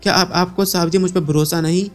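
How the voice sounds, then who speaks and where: An innocent young maidservant, naive and pleading, as a man reading the story puts her on with his own fairly high voice. The reading is a storybook narration with soft music playing underneath. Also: fairly even intonation, fairly quick, lightly acted.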